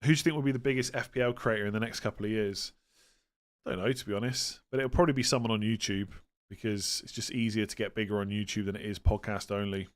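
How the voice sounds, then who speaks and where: Hosting a fantasy football livestream, this fast-talking man has a lowish voice and fairly even intonation. His West Country English accent comes through as he informally reads viewer questions aloud and gives matter-of-fact answers.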